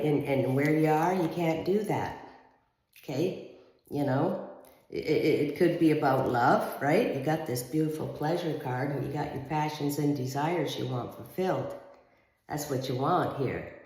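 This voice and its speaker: A woman's voice: sits low, warm tone. A woman giving a chatty, encouraging tarot reading in an empty room that echoes heavily. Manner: chatty, encouraging, repeats herself. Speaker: tarot reader.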